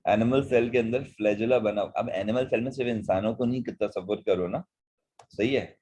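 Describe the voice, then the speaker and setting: A man's voice: on the low side, normal speed, dark tone, slightly rough. A man teaching biology, patiently walking students through past-paper questions in mixed Hindi and English. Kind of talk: online past-paper lesson.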